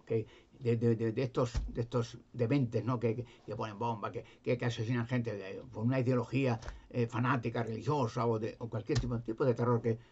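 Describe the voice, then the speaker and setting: A man telling a Bible story in a casual, halting way, often repeating words and restarting, and raising his voice to act out the characters. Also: steady tone, darkish tone, slight background noise. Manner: acts out the characters' lines with raised pitch. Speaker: religious commentator. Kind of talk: informal retelling of a Bible story. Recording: dull lo-fi recording.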